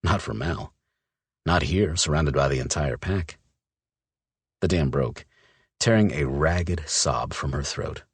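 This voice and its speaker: A man narrating a romance audiobook in an expressive, measured way. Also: extremely low pitch, husky, no echo.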